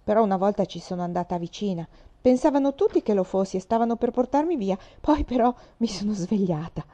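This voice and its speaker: The character is a roughly twelve-year-old orphan girl, tough, boastful and defiantly brash, voiced by a woman with light acting. Her medium-pitched, dark voice moves quickly with lively intonation, captured in a slightly dull lo-fi recording.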